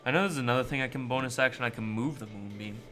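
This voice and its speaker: A man's voice: medium pitch, rapid-fire, fairly bright tone, soft background music. A man playing a tabletop game, chatting casually and thinking aloud about the rules. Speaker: player.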